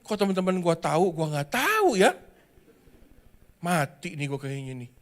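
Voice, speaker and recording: Preacher doing a slangy college kid, quietly baffled and second-guessing himself. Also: male voice, on the high side, very animated, normal speed, voice pushed down. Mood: confused. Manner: puzzled, muttering to himself in casual slang. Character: confused young male college student, worried about being sick. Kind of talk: acted-out sermon story.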